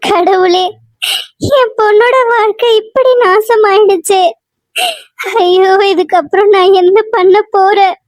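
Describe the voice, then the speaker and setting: A woman's voice: extremely high pitch, fairly even intonation, normal speed, no room sound, clean studio sound. A woman voicing a middle-aged village mother who laments in a sobbing, repetitive way, in a cartoon serial. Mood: wailing.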